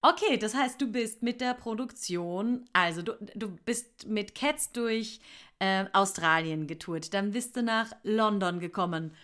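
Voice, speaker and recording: A woman's voice: medium pitch, measured pace, a bit bright. A woman interviewing a guest in a casual chat, eager and laughing along. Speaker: interviewer, host.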